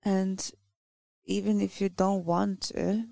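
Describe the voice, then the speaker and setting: A woman from Lithuania with a Lithuanian accent, a native Lithuanian speaker giving a halting church talk that searches for words. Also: mid-range voice, level tone, gravelly, warm tone, no room sound. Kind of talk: sermon.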